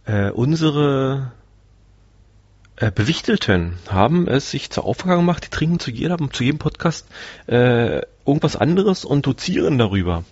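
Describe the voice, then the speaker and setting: A man's voice: mid-range voice, sing-song, normal speed, a little mellow, slightly rough, no echo, lo-fi sound. A man talking through a voice morphing filter, trading dry teasing jokes in a casual podcast chat.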